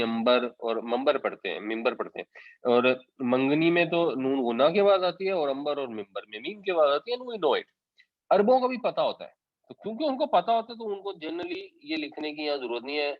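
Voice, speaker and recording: A Quran teacher, a man with a fairly high voice, patiently explains scripture in a lesson, mixing English words into his speech. There is no room sound, and the recording is dry and slightly dull.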